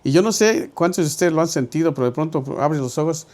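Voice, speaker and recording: Storytelling pastor, higher voice. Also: male voice, animated, fast, darkish tone. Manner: conversational, acts out dialogue in his stories. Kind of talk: Bible study sermon with storytelling.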